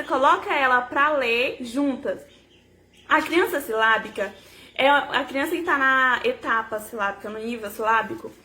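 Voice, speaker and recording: A young woman giving parents patient, step-by-step tips on teaching reading, slowly sounding out syllables. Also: high-pitched, pushed and bright. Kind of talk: casual tutorial to camera.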